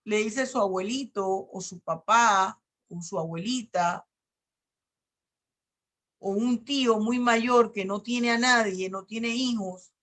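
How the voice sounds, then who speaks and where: A woman's voice: medium pitch, slow pace, fairly bright tone. A middle-aged woman law professor with a Panamanian Spanish accent, giving an online lecture and explaining legal articles with everyday examples.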